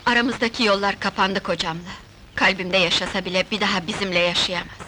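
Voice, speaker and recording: A woman's voice: medium pitch, fairly even intonation, quick pace, sharp tone, slight background noise, natural voice, rough recording. An actress playing a sorrowful young singer and mother who speaks mournfully in a 1970s film. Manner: mournful, confessional.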